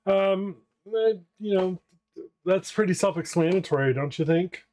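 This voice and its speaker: A man's voice: high voice, a little slow, darkish tone. A man streaming games live, chatting casually and playfully with his viewers and laughing often. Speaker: variety game streamer.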